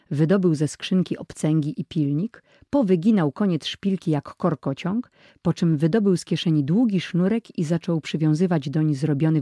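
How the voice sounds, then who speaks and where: A narrator reading a children's adventure audiobook in a steady storytelling manner. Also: mid-range voice, no room sound, clean studio sound.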